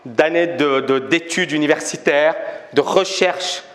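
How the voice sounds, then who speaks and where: A middle-aged man with a fairly high voice delivers an animated talk to an audience, firing questions at the room and cracking jokes. The sound rings through a large, echoey hall. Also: unhurried. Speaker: speaker giving a talk at a trading fair. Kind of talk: lively public talk to a live audience.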